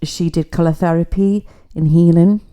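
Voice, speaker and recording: A woman's voice: fairly low pitch, steady tone, moderate pace, mellow, smooth. A middle-aged woman gives a casual, rambling spiritual reading on a livestream. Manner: chatty, rambling, mystical. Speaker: psychic.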